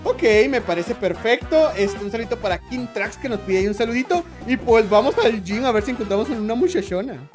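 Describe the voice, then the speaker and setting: A woman with a Mexican accent giving excitable, joking gameplay commentary, dropping slang constantly. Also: a little high, fairly quick, few pauses, music in the background. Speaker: gaming YouTuber.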